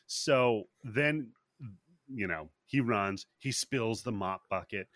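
A man from Washington State hosting a podcast, telling the story in a casual, profane, animated way. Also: on the low side, slow pace, dry recording, studio quality. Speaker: podcast host. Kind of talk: casual chat.

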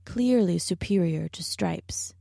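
Storybook villain: a slow, whispering vulture flattering his marks, put on by a woman, in a dry, close take. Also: fairly low pitch, creaky, no echo, full character voice. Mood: sly flattering. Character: wicked scheming male vulture, sly flatterer.

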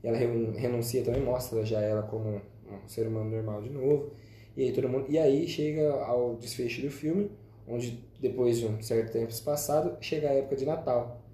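A man casually walking through a film's plot, explaining scenes point by point. His voice is very dark and mellow. The sound is roomy and echoey. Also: medium pitch, fairly even intonation, a little fast, slight background noise. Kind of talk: casual film discussion. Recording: echoey room.

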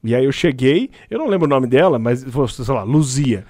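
A young man chatting casually on a podcast, telling a story with lively acted-out voices. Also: medium pitch, moderate pace, no echo, studio quality. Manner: animated storyteller, acts out voices.

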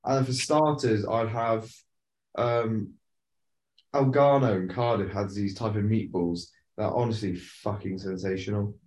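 A man's voice: on the low side, a little mellow. Podcast co-host, man, casual rambling chatter, roomy echo on the mic. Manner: laid-back, rambling, swears casually. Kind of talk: casual chat.

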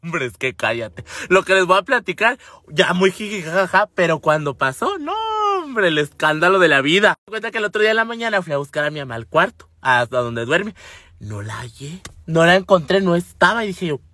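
A man's voice: high-pitched, fairly quick, no room sound. A man with a Mexican accent telling a funny personal story, swearing freely and acting out every line people said. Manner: animated, swears freely, dramatic retelling with acted-out quotes; refers to himself with feminine forms. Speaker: vlogger.

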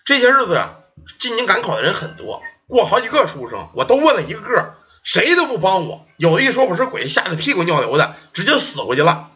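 A man's voice: high voice, very animated, sharp tone, muffled recording, full character voice. Man doing an old pleading ghost. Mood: earnest. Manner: slow, pleading, old-fashioned formal speech.

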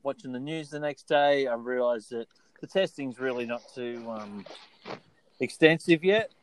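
A man's voice: medium pitch, normal speed, a little hiss or hum, low-quality recording. An Australian man hosting a casual podcast chat in a laid-back, jokey way. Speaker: podcast host.

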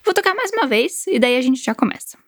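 Brazilian lady teaching english, chatty n encouraging, slightly high voice, dry sound. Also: very animated, fast talker, no room sound. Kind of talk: language lesson.

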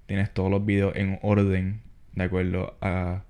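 A young man, co-hosting a podcast and calmly explaining his study plan. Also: sits low, a little slow, smooth. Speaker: podcast co-host. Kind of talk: casual advice chat.

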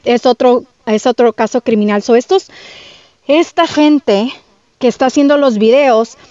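A woman lawyer guest explains legal points in casual chat and drops English terms in as she goes. Her voice sits fairly high and sounds dry, with a slightly dull, muffled recording. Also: unhurried, warm tone, no room sound.

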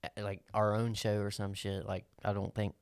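A man's voice: fairly low pitch, level tone, moderate pace, gravelly, smooth, dry recording. Male podcast host, hillbilly accent, crude joking casual talk, close dry recording. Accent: rural American hillbilly. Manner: crude, joking, sweary banter. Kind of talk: casual chat.

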